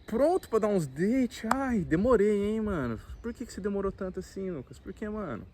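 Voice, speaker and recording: A man in his late twenties with a Brazilian Portuguese accent, talking to the camera in a relaxed, slangy, reflective way. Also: high voice, moderate pace, a little hiss or hum. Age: late 20s. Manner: laid-back slangy talk, frequent filler tags. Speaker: vlogger. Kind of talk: casual reflective monologue. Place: outdoors at a campsite.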